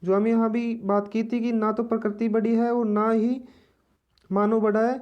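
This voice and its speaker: A woman teaching an exam-prep lesson, explaining slowly and repeating each point in other words. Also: fairly high pitch, flat delivery, muffled recording.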